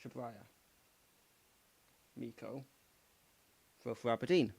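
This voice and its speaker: A man giving casual live play-by-play as a fan streamer, slightly croaky, cheering his side and scolding chat. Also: medium pitch, takes it slowly, darkish tone. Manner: partisan, addresses chat as "mate" and "pal", urges his team on. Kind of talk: casual live match commentary.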